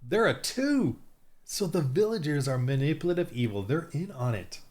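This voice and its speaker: A man's voice: fairly high pitch, sing-song, moderate pace, a little mellow. A man acting as game master, talking casually through his tabletop game prep, rambling with lots of restarts and fillers.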